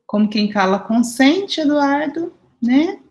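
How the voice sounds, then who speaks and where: Middle-aged Brazilian woman, group coordinator; higher-pitched, chatty storyteller on a video call. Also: animated, takes it slowly, a little mellow, lo-fi sound. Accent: Brazilian Portuguese. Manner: chatty storytelling, often asks the group for agreement. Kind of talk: informal spiritual study group talk.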